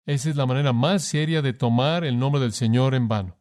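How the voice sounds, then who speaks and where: A male preacher delivers a sermon at a middle pitch, pressing each point with emphasis. He turns often to his listeners with direct rhetorical questions, leaning hard on key words. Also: brisk, a little mellow. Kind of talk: sermon, voiced in Spanish.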